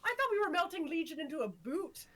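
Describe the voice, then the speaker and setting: Female player, high voice, spills out questions in a rush. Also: very animated, fast talker, music in the background. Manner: rambling rush of questions, self-interrupting. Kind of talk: in-character tabletop talk.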